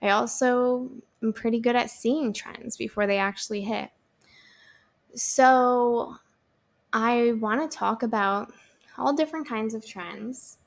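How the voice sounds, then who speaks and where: A woman in her thirties hosts a solo podcast in a relaxed, rambling chat. She talks slowly and fills pauses as she goes. Her voice has a gravelly fry. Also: fairly high pitch. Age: 30s. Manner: chatty, lots of fillers and restarts, upbeat. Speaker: podcast host.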